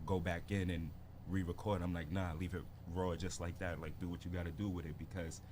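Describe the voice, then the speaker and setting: A man's voice: deep voice, little pitch movement, fairly quick, background noise. A man from Barbados in his thirties, a rapper telling his story in a laid-back casual interview full of slang. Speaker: guest rapper.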